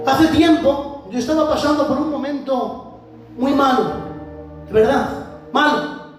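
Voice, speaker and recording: Fervent preacher in echoey church. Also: male voice, extremely high pitch, a little slow. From Spain. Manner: impassioned, rising to shouts, addresses the church directly. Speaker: visiting preacher. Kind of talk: fervent sermon. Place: church hall. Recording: very echoey church hall, far from the mic, music behind.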